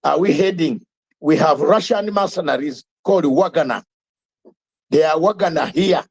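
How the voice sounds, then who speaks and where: An older man hosts a live online talk show, delivering fiery commentary in a fairly high, husky voice at a measured pace. He speaks emphatically, leaning on repetition and rhetorical questions.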